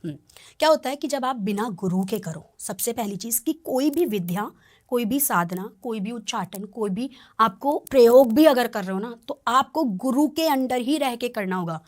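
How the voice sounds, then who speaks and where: A woman's voice: fairly high pitch, expressive, moderate pace. A woman tarot reader talking on a podcast, explaining in an earnest, warning tone. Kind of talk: podcast conversation.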